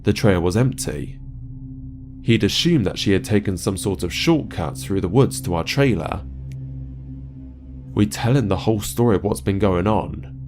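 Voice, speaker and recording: A man's voice: on the low side, expressive, normal speed, pauses often. A man narrating a first-person horror story in a profane, conversational way. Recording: narration over music bed.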